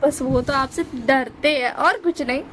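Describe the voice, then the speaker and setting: A woman retells a fan story in a casual, chatty way, stopping to correct names. Her voice is high, and there is faint noise behind. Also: a little slow, fairly bright tone, rough recording.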